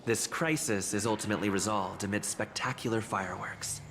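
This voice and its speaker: A man delivers a scripted story recap in a fairly low, even voice. His storytelling is formal and steady. Faint background noise sits under the narration. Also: brisk. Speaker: game narrator.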